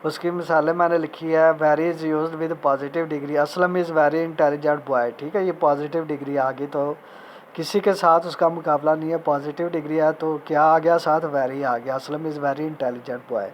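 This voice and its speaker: A man teaching a recorded grammar lecture in Urdu, reading out English example sentences and repeating each point slowly. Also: fairly high pitch, steady tone, a little hiss or hum. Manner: mixes Urdu speech with spoken English examples.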